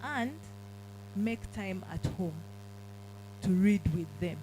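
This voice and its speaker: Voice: mid-range voice, expressive, slow pace, darkish tone, a little hiss or hum, low-quality recording. A teacher and parent speaking earnestly at a book launch, encouraging families to read together.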